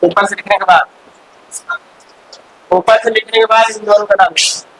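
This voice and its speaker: A male chemistry teacher in a classroom, firing quick questions at students and scolding them in chatty asides. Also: sits high, fairly even intonation, a bit bright, rough recording. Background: faint hiss.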